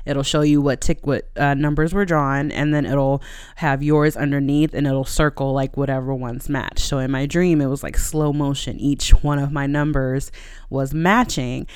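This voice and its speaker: Casual podcast host, conversational delivery, middle-pitched, exceptionally smooth and clear tone. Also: little pitch movement, moderate pace, a little mellow, dry recording, studio quality. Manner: conversational, laughs easily while talking. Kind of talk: casual chatty solo podcast.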